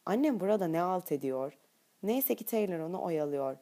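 A woman narrating an audiobook in first person with a steady, intimate reading. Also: on the low side, moderate pace.

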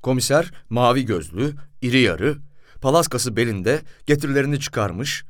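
A man narrating a first-person story in a wry, lively telling. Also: mid-range voice, moderate pace, dry recording, clean studio sound.

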